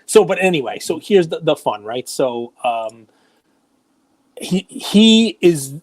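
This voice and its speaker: A man, hosting a casual podcast and telling animated, self-deprecating stories. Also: fairly high pitch, takes it slowly, a crowd in the background. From United States. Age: 40s. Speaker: podcast host. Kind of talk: casual chat.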